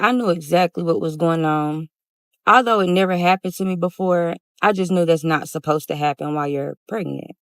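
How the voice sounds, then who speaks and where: A woman's voice: on the low side, clear, resonant tone, no room sound. A woman telling her own story in the first person, casually and often calling her listeners "y'all".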